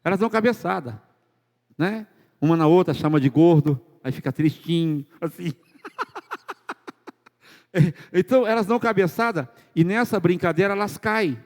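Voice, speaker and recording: A man's voice: high voice, normal speed, pauses often, darkish tone. A male pastor preaching a sermon in a church, firing rhetorical questions at the congregation. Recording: church sermon with long hall reverb.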